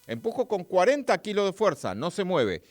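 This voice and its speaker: His voice sits high, with huge pitch swings at a normal speed, captured in a dry, studio-quality recording. He's a physics teacher with an Argentine accent, chatting through a live-streamed lesson, talking straight to viewers and reading their chat.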